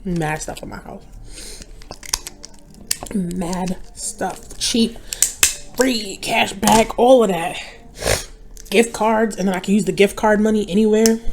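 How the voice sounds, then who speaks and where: A woman's voice: medium pitch, noisy background. Chatty young woman rambling over a meal. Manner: rambling, chatty, addresses viewers as y'all. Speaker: mukbang vlogger. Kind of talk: casual chat while eating.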